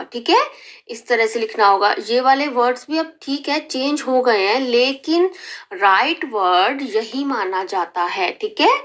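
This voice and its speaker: A woman teaching young children in a slow, careful lesson style, stretching out syllables and often checking in with the class. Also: a little high, fairly bright tone. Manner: drawn-out syllables, frequent rising "theek hai" checks. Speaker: primary school teacher.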